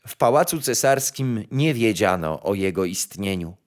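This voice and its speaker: A man narrating a fairy tale in an expressive storytelling manner. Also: fairly low pitch, moderate pace.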